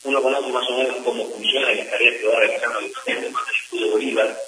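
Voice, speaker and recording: A man working as a journalist, asking quick and direct questions in an interview. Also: medium pitch, steady tone. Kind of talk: press interview. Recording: roomy and distant with faint hum.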